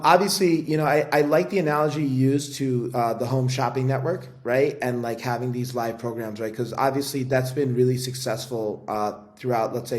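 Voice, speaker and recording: A man's voice: medium pitch, darkish tone. A man hosting a podcast interview, talking casually and hesitantly with many fillers and tag questions. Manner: hesitant, filler-heavy, frequent "right?". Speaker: podcast host.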